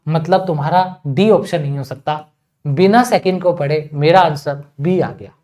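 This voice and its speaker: A man's voice: high voice, mellow. Indian man teaching English exam passages. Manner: reads English passages slowly, then explains each word in Hindi; chatty and teasing, with many rhetorical questions. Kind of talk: online exam-prep lesson.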